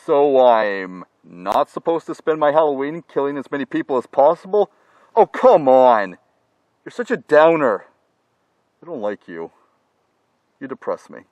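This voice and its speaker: A man voicing a naive young masked slasher who talks in a low, gloomy, puzzled drawl in a comedy parody sketch. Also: sing-song, measured pace, long pauses, a little mellow, no room sound, lo-fi sound. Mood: sulky.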